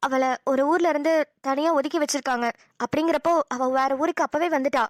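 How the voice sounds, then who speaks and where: A woman's voice: sits high, steady tone, brisk, dry recording, clean studio sound, lightly acted. A woman voicing an affectionate, wistful middle-aged mother in a cartoon, with a motherly, scolding tone. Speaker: voice actor. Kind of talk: cartoon dialogue acting.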